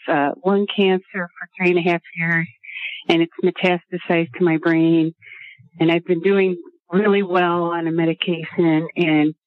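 Woman calling in to a radio show on speakerphone, hesitant and soft-spoken, dull dry line. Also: on the low side, no room sound. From Washington state, USA. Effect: call-in voice over a speakerphone line.

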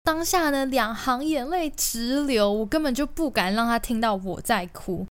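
A young woman hosts a personal storytelling podcast. She recounts events animatedly and with feeling. Her voice sits a little high and sounds smooth and resonant. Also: normal speed. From Taiwan. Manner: animated, emotional retelling. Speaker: podcast host.

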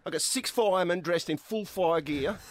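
An Australian man with a notably high voice spins an animated, self-mocking yarn in casual studio chat. The sound is close and dry, with no room around it. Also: moderate pace, dry recording. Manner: animated, self-deprecating, rambling.

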